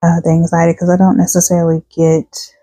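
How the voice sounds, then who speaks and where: A woman's voice: on the low side, completely flat delivery, fast, dark tone, no echo, low-quality recording. A woman doing a casual tarot reading for her viewers, chatting and reading card texts aloud, tired and yawning. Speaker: tarot reader.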